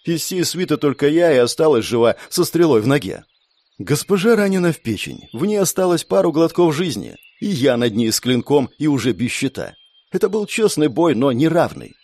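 A man's voice: a little high, very animated, fairly quick, darkish tone, dry recording. A man voicing a fierce scarred woman sergeant who barks insults and orders in an audiobook. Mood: tearful recounting.

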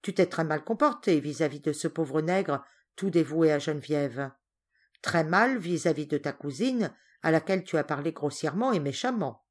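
A woman voicing a stern but fair father who speaks in a measured, grave, reproachful way. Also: low-pitched, lively intonation, voice pushed down.

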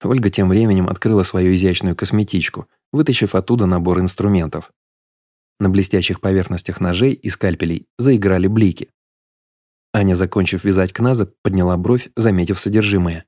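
Deep-voiced male audiobook narrator. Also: dry recording, clean studio sound. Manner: steady, measured storytelling.

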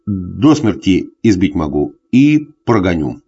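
A man's voice: sits low, big pitch swings, slow, dark tone, lo-fi sound, soft background music, full character voice. A man voicing a drunk, jealous middle-aged husband who rants at his wife in a hollow, tearful voice. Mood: grumbling. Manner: hoarse tearful bullying rants.

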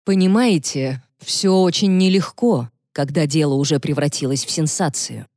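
Woman reading a firm serious lawyer guy, low mellow voice, dry audiobook sound. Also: normal speed, dry recording. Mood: grave. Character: male defense lawyer, grave, persuasive.

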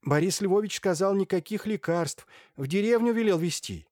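A man voicing an anxious, fussy gentlewoman who clucks and complains. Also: animated, normal speed, no room sound, studio quality. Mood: fretful. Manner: shrill clucking fuss.

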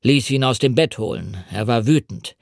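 A man's voice: mid-range voice, lively intonation, normal speed, creaky, darkish tone, no echo, studio quality. A man reading the part of a stiff, reserved senior official.

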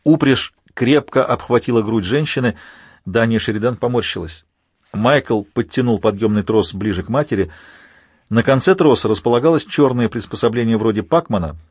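Husky male audiobook narrator. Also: medium pitch, moderate pace, a little mellow, dry recording, clean studio sound. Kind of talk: scripted narration.

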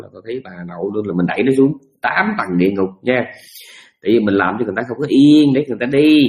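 A man's voice: on the low side, a little mellow. A man giving a Buddhist dharma talk, teaching in a folksy storytelling manner with humorous asides.

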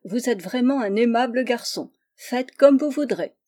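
A woman's voice: a little high, animated, normal speed, a little mellow, close to an everyday voice. A woman reading a storybook, voicing a kindly old male head gardener. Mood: approving.

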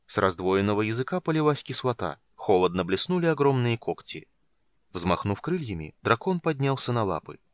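A man narrating a fantasy audiobook with a lively, dramatic delivery. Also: fairly low pitch, normal speed, no echo, studio quality. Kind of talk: expressive fantasy audiobook reading.

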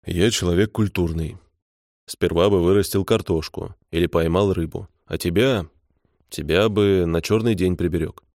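A man voicing a huge, simple-minded, gluttonous henchman who mumbles low and earnestly. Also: moderate pace, hardly any pauses, dark tone, no echo, studio quality, close to an everyday voice. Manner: mumbling, lowing.

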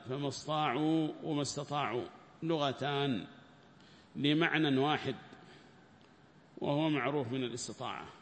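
A man giving a Quran commentary lesson who explains slowly, repeats his phrases and puts questions to his listeners. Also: fairly high pitch, in a large hall. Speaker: Quran teacher.

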